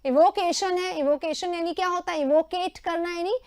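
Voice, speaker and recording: A woman teacher running an exam prep lesson, repeating word meanings in quick lists. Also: extremely high pitch, steady tone, darkish tone, no room sound, studio quality. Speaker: English teacher.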